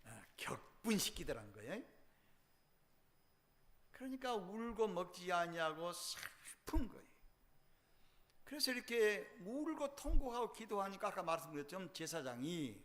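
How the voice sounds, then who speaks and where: Middle-aged male preacher, high and very animated voice, dramatic revival-sermon storytelling. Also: a little slow, long pauses. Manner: dramatic storytelling, acting out voices, swings between loud and hushed. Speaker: pastor.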